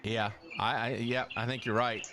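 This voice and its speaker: A man hosting a casual sports talk show, reading stats and quickly adding his own asides. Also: mid-range voice, little pitch movement, sharp tone, a little hiss or hum. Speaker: show host.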